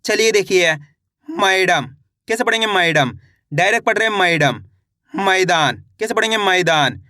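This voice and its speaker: A man teaching Hindi reading in an online lesson, spelling out syllables slowly and asking rhetorical questions. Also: sits high, expressive, bright, forceful tone, dry recording, studio quality.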